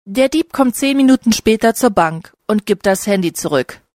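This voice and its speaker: A woman narrating a short story slowly and carefully, for language learners. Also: mid-range voice, animated, darkish tone, no echo, studio quality.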